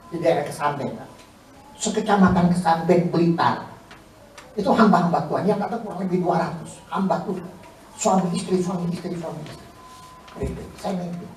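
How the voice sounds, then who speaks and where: A male pastor preaching a sermon in animated swings between loud emphasis and hushed asides, acting out quoted congregants. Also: a little high, moderate pace. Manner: acts out quoted congregants in a mocking voice. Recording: echoey hall, mic at a distance.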